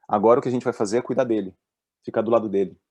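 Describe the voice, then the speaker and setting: A man with a Brazilian accent, a doctor giving a talk on mental health at work, telling lively stories and voicing the people in them. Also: lowish voice, rapid-fire, slightly rough, no echo, muffled recording. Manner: lively storyteller, voices the people in his stories. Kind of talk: presentation with acted-out anecdotes.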